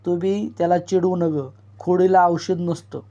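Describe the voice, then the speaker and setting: A woman's voice: fairly low pitch, little pitch movement, unhurried, mellow, muffled recording. A man reading the lines of a stern, plain-spoken rural village woman in a storybook reading. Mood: scolding.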